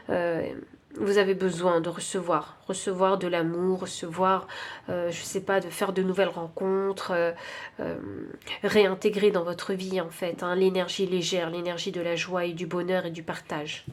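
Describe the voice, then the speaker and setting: A woman's voice: fairly low pitch, flat delivery, moderate pace. Hesitant French woman reading tarot. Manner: hesitant, thinking aloud with many fillers. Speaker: tarot card reader. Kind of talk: intuitive tarot reading to camera.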